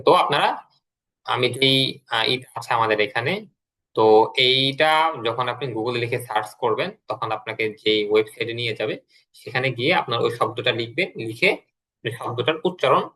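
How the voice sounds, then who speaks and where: A man's voice: medium pitch, brisk, sharp tone. A man teaching an English class online, explaining step by step and repeating words for the class to drill.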